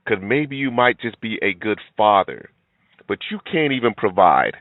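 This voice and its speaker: A man's voice: fairly low pitch, sing-song, moderate pace, dry recording. A middle-aged man giving blunt, preachy reaction commentary, lecturing his listeners. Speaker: commentary video host. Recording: tinny, phone-like, dry sound.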